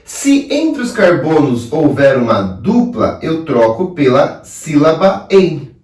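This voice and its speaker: Man, Brazilian Portuguese accent, chemistry teacher, animated pitch, roomy echo, somewhat off-mic. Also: slow. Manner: lively, asks himself questions and answers them. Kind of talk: video lesson explaining at a board. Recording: roomy sound, voice a bit far from the mic.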